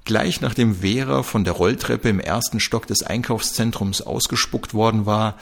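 A man reading a crime story aloud in a calm, measured way. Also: lowish voice, gravelly. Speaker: audiobook narrator.

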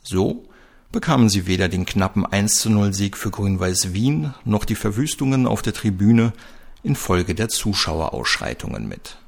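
A man reading a crime story aloud as narrator, in a steady, even storytelling manner. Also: on the low side, normal speed, creaky, slightly rough. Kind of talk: scripted audio-drama narration.

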